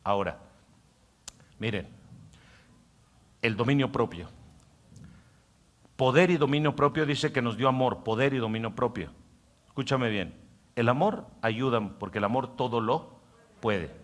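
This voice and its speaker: A male pastor delivers a sermon in a church. He rises to loud, emphatic lines, then drops to soft, muttered asides. In those asides he puts on the mocking voice of a tempting inner voice. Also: mid-range voice, a little slow, pauses often. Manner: acts out the inner voice in quiet mocking tones.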